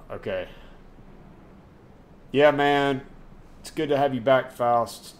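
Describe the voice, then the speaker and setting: A man's voice: medium pitch, extremely slow. A man streaming a game live from his desk at home. He talks straight to his chat, gets worked up easily and swears. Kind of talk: live gameplay commentary chatting with viewers.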